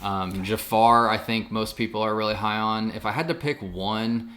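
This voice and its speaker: Man, low and bright, loose co-host chatter with fillers. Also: moderate pace. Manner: chatty, lots of fillers and restarts. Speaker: podcast co-host. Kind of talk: casual chat.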